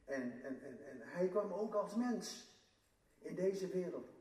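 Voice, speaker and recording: Male preacher, earnest and emphatic, in an echoey hall, warm high voice. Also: lively intonation, slow pace. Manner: earnest, rising to emphatic declarations. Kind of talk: sermon. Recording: echoey room, mic at a distance.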